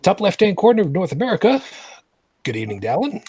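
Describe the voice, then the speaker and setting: A male main host with a slightly husky voice, recorded close and dry over an online setup. He rambles casually, restarting phrases and dropping dry sarcasm. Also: sits high, wildly swooping pitch, quick pace, dark tone, no room sound. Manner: rambling, filler-heavy, repeats and restarts phrases. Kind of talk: casual live vlogcast chat.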